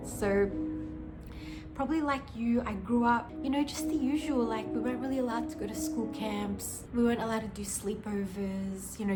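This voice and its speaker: A young woman from Australia, telling her life story to camera in a casual, earnest way, full of "like" fillers. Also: medium pitch. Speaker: vlogger. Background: music.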